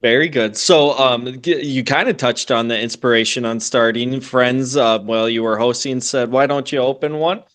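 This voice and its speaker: A man's voice: medium pitch, fairly even intonation, normal speed, hardly any pauses, a bit bright. A man hosting a business podcast, asking questions in a friendly, hesitant way with many fillers. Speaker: podcast host. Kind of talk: casual interview hosting.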